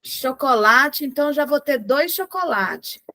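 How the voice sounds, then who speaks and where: A woman with a fairly high voice leads a music lesson over a video call. She is encouraging and often chants words slowly, beat by beat. Her sound is close and dry, with no room echo. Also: expressive, sharp tone. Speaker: music teacher. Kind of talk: teaching a group music lesson.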